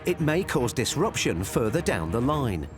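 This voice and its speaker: Male narrator, scripted documentary read, animated intonation, music underneath. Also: medium pitch, normal speed. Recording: music behind the voice. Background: background music.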